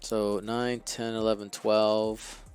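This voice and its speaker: A man with a lowish, slightly mellow voice speaks slowly and smoothly in a level tone. He co-hosts a live stream of a tabletop miniatures game, commentating chattily and bantering playfully with viewers. The close, dry mic picks up faint music in the background.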